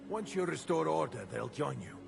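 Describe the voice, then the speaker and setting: A man's voice: fairly high pitch, expressive, moderate pace, gravelly, music in the background. An actor playing a harsh lord loyal to his king in a video game drama, blunt and contemptuous. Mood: cold, assured.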